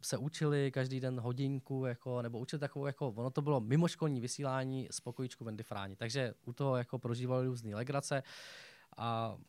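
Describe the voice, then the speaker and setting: A man's voice: medium pitch, steady tone, darkish tone, dry recording. A young man chatting as a talk show guest, rambling along with many fillers and restarts. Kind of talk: casual chat.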